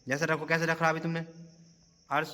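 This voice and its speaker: Male madrasa teacher, bright tone, patient step-by-step quizzing; recorded with long reverb. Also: fairly high pitch, little pitch movement. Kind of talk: teaching children how to pray. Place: madrasa room.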